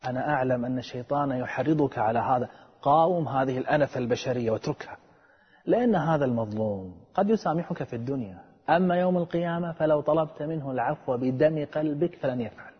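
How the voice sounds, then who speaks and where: A man preaching a sermon with earnest, dramatic storytelling and a husky voice. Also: medium pitch, quick pace. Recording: echoey and dull, long reverb.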